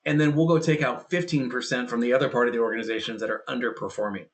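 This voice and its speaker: Appearing as a guest on a casual podcast, a man who leads technology in healthcare and private equity talks about healthcare tech at a rapid-fire clip. His mid-range voice holds a steady tone, and he's emphatic, repeating key phrases and acting out quoted dialogue.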